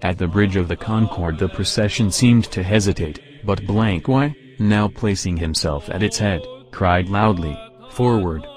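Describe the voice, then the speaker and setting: A man reading a history text aloud as a narrator, measured and dramatic. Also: deep voice, fairly even intonation, darkish tone, faint music behind.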